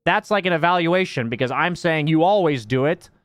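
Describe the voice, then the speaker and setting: A man's voice: fairly high pitch, expressive, a little fast, a bit bright, no room sound, studio quality. A young man, a game coach, chatting casually to his stream viewers, explaining ideas in a rambling, reflective way full of fillers.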